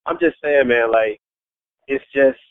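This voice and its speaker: A man calling in over the phone, talking in a casual, halting way that repeats words and leans on fillers. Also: medium pitch, steady tone, smooth, no echo. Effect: heard over a phone line. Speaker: caller pitching his book. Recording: tinny phone line with faint hiss.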